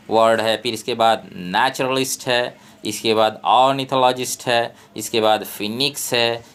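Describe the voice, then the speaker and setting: A male tutor with an Indian English accent works through textbook exercises at an unhurried, deliberate pace. His voice sits in an ordinary middle pitch, and he reads each prompt carefully before explaining it. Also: a bit bright.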